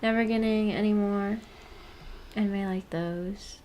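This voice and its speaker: Heard in a low-quality recording with slight background noise, a woman streamer speaks in a mid-range, somewhat mellow voice at a measured pace and fairly even intonation. She reads and replies to viewer chat on a casual livestream, giggly, teasing, and slangy.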